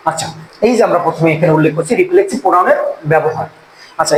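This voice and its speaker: A man teaches grammar in classroom style. He repeats each point and quizzes his listeners. The room is echoey, with faint noise underneath. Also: high voice. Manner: repeats key points and asks the class questions. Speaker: English teacher.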